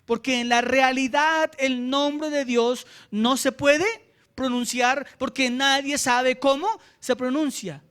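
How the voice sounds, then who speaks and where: A man with a Colombian accent preaching a sermon as pastor. He slows down for scripture and keeps asking the congregation quick checks. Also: very high voice, fairly even intonation, a bit bright, clean tone. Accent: Colombian Spanish. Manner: asks the congregation short checks like "¿cierto?" and "¿sí?".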